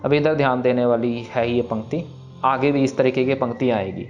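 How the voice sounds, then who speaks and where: A man teaching scripture pronunciation, explaining briskly and then reciting each verse slowly and evenly. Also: mid-range voice. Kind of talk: pronunciation lesson with slow recitation. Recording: slightly dull recording, soft background music.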